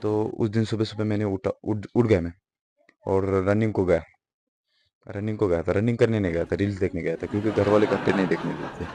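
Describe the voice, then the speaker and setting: A man's voice: on the low side, fairly even intonation, fairly quick, warm tone. A teenage boy telling a rambling story as a first-time stand-up comedian, chuckling and correcting himself as he goes. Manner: rambling, self-correcting, chuckles through lines. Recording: noisy live room with audience.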